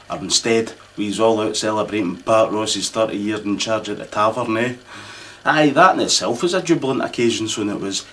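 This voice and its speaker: Scottish man, lowish voice, pompous mock-regal address, rambling with slang, faint hiss behind. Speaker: comic host of a mock royal address. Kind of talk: mock-formal Christmas address.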